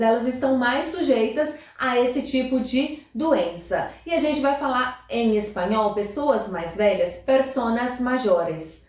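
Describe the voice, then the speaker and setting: A woman's voice: fairly high pitch, a little mellow. A woman teaching Spanish vocabulary. She explains patiently, repeats each word, and checks in with her students often. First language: Portuguese. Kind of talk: language lesson. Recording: echoey room, mic at a distance.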